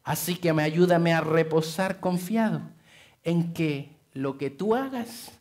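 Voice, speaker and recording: A man preaching a sermon as pastor of a church, swinging between soft, hushed passages and loud, dramatic outbursts. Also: fairly high pitch, takes it slowly.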